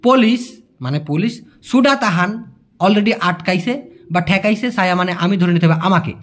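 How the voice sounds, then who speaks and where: Bangladeshi guy teaching a language, high voice that swoops a lot, says every example twice. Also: animated. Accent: Bangladeshi Bengali. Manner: explains slowly with repeated examples, calls listeners brother. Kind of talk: language lesson for migrant workers.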